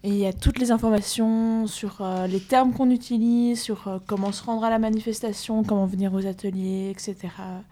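A woman with a mid-range voice reads a long list on community radio. Her pace is brisk and her tone stays easygoing and ready to laugh. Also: medium pitch, steady tone, dark tone. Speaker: activist guest on community radio. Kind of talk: casual radio chat and reading a text aloud.

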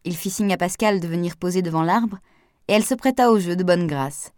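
A woman narrating an audiobook in a steady, even reading voice. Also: lowish voice, fairly quick, dry recording, studio quality.

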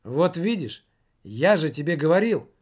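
A man's voice: fairly high pitch, unhurried, a little mellow. A dismissive colleague smirks his way through his words, as a male narrator voices him. He sounds contemptuous and sure of himself. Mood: scornful.

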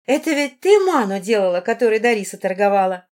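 A woman voicing a shrill, imperious young princess who talks loud and sharp. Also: very animated, fairly quick, lightly acted.

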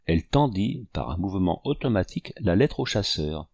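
Un narrateur de livre audio au récit mesuré, voix râpeuse, son très sec. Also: male voice, low voice, lively intonation, gravelly, a little mellow, slightly rough, no echo, clean studio sound. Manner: measured storytelling. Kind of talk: scripted narration.

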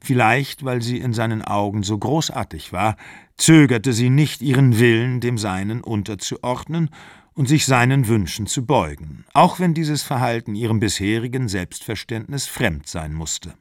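A man reading a literary novel aloud as an audiobook, measured and even in a studio. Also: medium pitch, no room sound. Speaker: audiobook reader.

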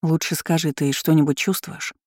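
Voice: medium pitch, steady tone, normal speed, darkish tone, no echo, studio quality, natural voice. Keira, a reader voicing a stubborn, fierce young woman. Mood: insistent. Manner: curt, insistent retorts.

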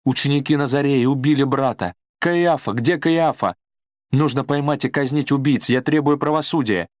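A man's voice: level tone, moderate pace, no room sound, studio quality, natural voice. A man voicing a haughty young woman who is overwhelmed by grief, pleading and crying out in a raised voice. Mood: frantic. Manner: pleading, shrill cries. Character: proud young woman, grief-stricken and frantic.

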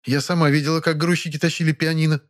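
Guy doing a haughty old stage diva, high put-on voice, theatrical. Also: flat delivery, fast, close to an everyday voice. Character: grand sharp-tongued elderly actress, imperious.

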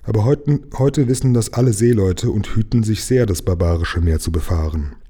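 A man voicing a sad, gentle young mermaid princess in a storybook read aloud, with a soft, tearful voice. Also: on the low side, fairly quick, slightly rough. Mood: sad, earnest.

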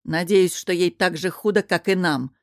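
A big, grim king who answers in short, bitter phrases, as a woman voices him in an audiobook. The voice sits low and sounds dry, with no room around it. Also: moderate pace, no echo, natural voice. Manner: curt and grim. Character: gruff, bitter middle-aged male king. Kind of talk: audiobook character reading.

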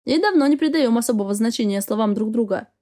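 Female narrator playing a smirking man, offhand, dry wit, mellow. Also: on the high side, animated, quick pace, lightly acted. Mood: wry.

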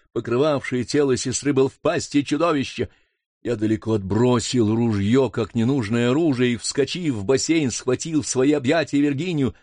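A man's voice: medium pitch, dry recording. Man narrating an adventure audiobook. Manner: steady storytelling. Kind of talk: first-person adventure novel reading.

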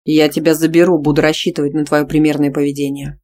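A reader voicing a jealous, domineering young man who speaks loudly and sternly in a storybook reading. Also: medium pitch, level tone, fast talker, natural voice. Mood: calm, knowing. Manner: loud, stern, commanding.

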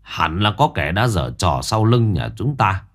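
A man doing a gruff, scolding village elder. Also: sits low, very animated, unhurried. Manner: curt, scolding. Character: gruff stubborn middle-aged village man.

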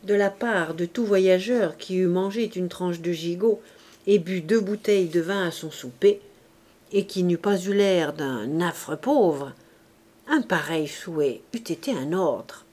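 A woman reading a classic novel aloud as an audiobook narrator, measured and careful. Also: on the low side, darkish tone. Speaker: audiobook reader. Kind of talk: scripted narration.

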